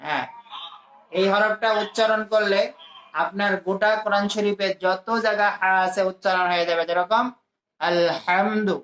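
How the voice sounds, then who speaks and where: A man from Bangladesh teaching a class to pronounce Arabic letters, slowly repeating each sound for his students. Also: sits high, level tone, a bit bright. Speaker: Quran teacher. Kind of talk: classroom lesson. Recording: echoey room.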